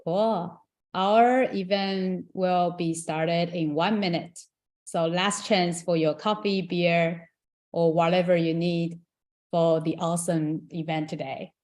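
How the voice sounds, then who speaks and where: A woman's voice: on the low side, fairly even intonation, slow, a little mellow. A young woman from Taiwan, moderating an online tech event in an upbeat, chatty way with casual fillers.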